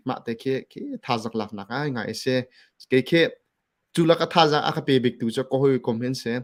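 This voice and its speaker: A man speaking casually about church ministry, mixing English words into his talk. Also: medium pitch. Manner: relaxed, mixes English words into speech.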